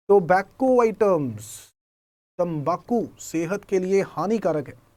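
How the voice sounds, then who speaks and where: Indian male lecturer, slightly high voice, quizzes himself in students' voices, calls the class kids. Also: a little mellow. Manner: asks and answers his own questions as students; mixes Hindi with English terms. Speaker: tax lecturer.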